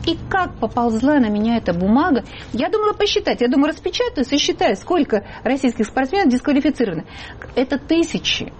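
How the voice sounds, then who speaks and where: A woman hosting a radio and TV talk show, speaking in an animated, emphatic way. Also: sits high, fast talker, a little hiss or hum. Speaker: host.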